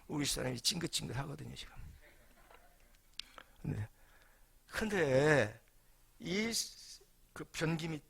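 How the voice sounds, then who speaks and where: An older man, a senior pastor, preaching a sermon in an animated, humorous storytelling way with rhetorical questions. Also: on the high side, creaky, slightly rough.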